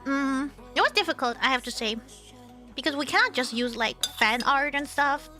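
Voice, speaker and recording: Bright high-voiced woman streamer, chatty. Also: animated, normal speed, soft background music. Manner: chatty, teasing, rambling with restarts. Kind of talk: casual livestream chat.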